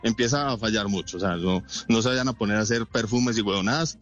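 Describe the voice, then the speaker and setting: A man's voice: lowish voice, fairly bright tone, highs cut off, faint music behind. A man from Colombia with a Colombian Spanish accent, a comedian guest chatting casually and cracking jokes. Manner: joking, laughs often, quick punchlines. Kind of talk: casual interview chat with jokes.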